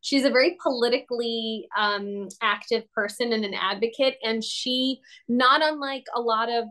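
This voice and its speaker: A young woman who grew up in Latin America, an actor talking as a guest in a casual video-call interview, lively and expressive, laughing often. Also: fairly high pitch, normal speed. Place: home room, indoors.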